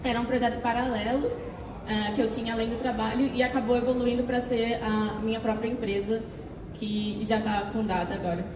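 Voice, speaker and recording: A woman's voice: on the high side, flat delivery, brisk, roomy sound, long reverb tail. Young woman panelist, casual and hesitant; far from the mic, noisy room. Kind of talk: panel talk.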